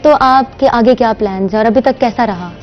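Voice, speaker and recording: A woman's voice: on the high side, a little fast. A young woman hosting a morning show, attentive and mixing in English phrases. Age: young adult. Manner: attentive, mixes English phrases, frequent affirming murmurs. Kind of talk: interviewing a guest. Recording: dull, muffled TV broadcast audio with faint music.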